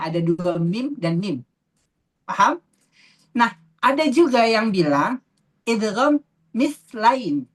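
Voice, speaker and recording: A woman teaching a tajwid class, patiently asking students questions and repeating terms slowly. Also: medium pitch. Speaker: Quran recitation teacher.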